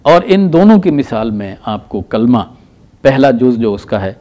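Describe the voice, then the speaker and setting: A middle-aged man teaching recitation rules, explaining slowly and repeating examples with drawn-out chanted words. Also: mid-range voice, very animated, dark tone. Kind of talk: tajweed lesson.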